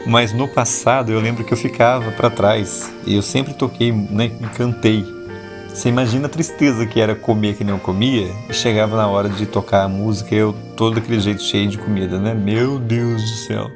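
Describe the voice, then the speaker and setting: A man, hosting an intimate late-night podcast monologue and deliberately talking slower and lower, though he still slips into speaking fast. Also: steady tone, music in the background. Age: 40s. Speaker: podcast host.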